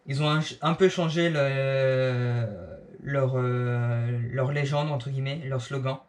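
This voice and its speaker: A man's voice: medium pitch, fairly even intonation, takes it slowly. A man casually reviewing clothes he bought, with many fillers and restarts.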